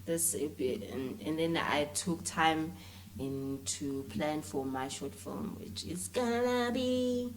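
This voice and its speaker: In a casual conversational interview, a filmmaker and actress with a South African accent chats informally and animatedly, using plenty of slang. Her voice is low and her pace slow.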